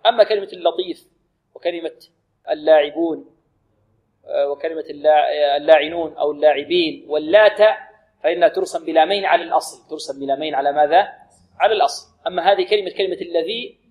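A man teaching Quran recitation, modelling words slowly and answering his own questions. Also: a little high, darkish tone. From Libya. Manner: asks questions and answers them himself. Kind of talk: tajweed lesson with recited examples.

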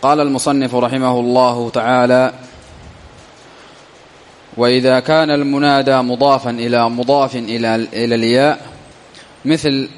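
A man's voice: mid-range voice, flat delivery. Man teaching grammar with a long echo. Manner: slow, repeats key phrases for students. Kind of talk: classical Arabic grammar lesson. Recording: long echoey reverb.

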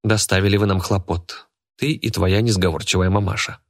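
A man's voice: low voice, fairly even intonation, moderate pace. A man voicing a spiteful, scheming woman who charms snakes, speaking in a contemptuous, snapping manner. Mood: scornful.

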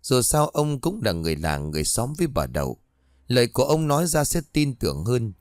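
A man narrating a ghost story with an expressive reading. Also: mid-range voice, a little fast, no room sound, clean studio sound.

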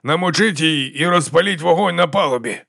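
A man reading an audiobook voicing a grim, steady veteran soldier who gives terse orders. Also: medium pitch, moderate pace, no room sound, studio quality, natural voice. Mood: commanding. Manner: terse, commanding.

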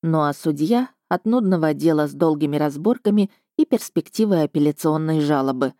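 A woman's voice: sits low, expressive, fairly quick, warm tone, no room sound. A woman reading a first-person story aloud with a wry, dry tone. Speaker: audiobook narrator. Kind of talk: scripted first-person narration.

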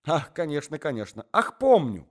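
A man voicing a jealous, anxious gentleman in a fur coat who talks in agitated, repeated bursts. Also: fairly high pitch, very animated, normal speed, pitched above the performer's own voice. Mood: flustered. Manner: agitated, stammering repetitions.

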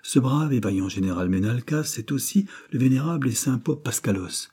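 A man reading an audiobook, voicing a calm and ironic male detective. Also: mid-range voice, normal speed, slightly rough, voice pushed up. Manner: calm, mocking.

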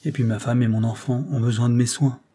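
A man's voice: medium pitch, level tone, brisk, mellow, lightly acted. A man voicing a stern, weary young male doctor who speaks briefly and guardedly. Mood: brusque.

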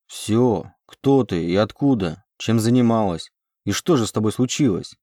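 A man's voice: lowish voice, lively intonation, normal speed, mellow, dry recording, studio quality. A man reading an audiobook, voicing a domineering, possessive male suitor who growls his commands. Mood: probing.

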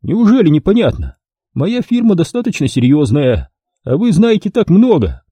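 A man's voice: fairly high pitch, big pitch swings, normal speed, warm tone, husky, dry recording, voice pushed up. A man reading an audiobook voices a curt, nervous male photographer who brokers murders and hisses orders. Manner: curt, hissing, commanding.

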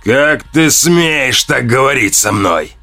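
A man's voice: moderate pace, soft background music. A man voicing an enraged wounded young hunter. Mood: furious. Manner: shouting, shrill.

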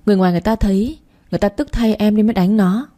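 A woman's voice: medium pitch, racing, mellow, close to an everyday voice. A woman voicing a spiteful, scheming young woman who curses and whines. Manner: abusive, whining.

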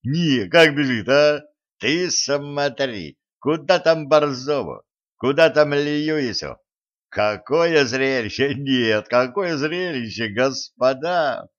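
A man voicing a gleeful man who loudly mocks a fleeing rival, in a dull audiobook recording. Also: mid-range voice, animated, takes it slowly, voice pushed up. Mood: gleeful mockery. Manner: jeering, exclaiming. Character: gleeful mocking man, loud jester.

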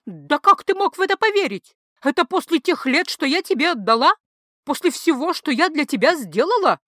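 A woman's voice: big pitch swings, normal speed, a bit bright, dry recording, studio quality, exaggerated voice. A woman voicing an indignant young wife who screeches back at her jealous husband. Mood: furious. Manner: shrill, indignant, high-pitched. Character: shrill, furious young wife.

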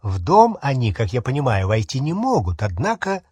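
A man's voice: medium pitch, huge pitch swings, moderate pace, darkish tone, husky, no echo. A man doing a wry teenage wizard boy. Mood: uneasy. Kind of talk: audiobook character voice.

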